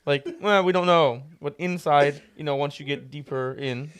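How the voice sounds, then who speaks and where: A man's voice: on the high side, moderate pace, clean tone. A man who is a guest on a casual podcast chat, explaining things in a wry way. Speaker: guest, missions director.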